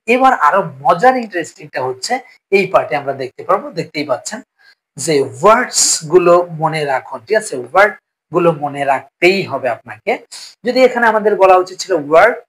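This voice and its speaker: A man's voice: a little high, fairly bright tone, rough recording. A man teaching a spoken English lesson, explaining patiently and repeating each phrase with frequent check-ins. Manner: explains slowly, repeats phrases, often asks "ঠিক আছে?".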